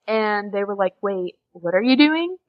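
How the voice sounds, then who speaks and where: A young adult American woman, a guest on a podcast and an exchange student, chats casually in an interview at a slightly slow pace and normal pitch. She tells stories in an animated way, quoting dialogue and giggling often. The audio is a bit muffled, dull and lo-fi.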